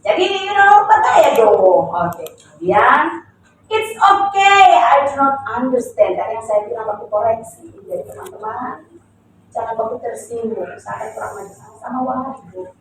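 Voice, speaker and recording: A woman teaching English to a class, lively, stretching and repeating words to show stress. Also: on the high side, moderate pace, slight background noise. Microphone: distant room recording. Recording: echoey classroom recorded from far off.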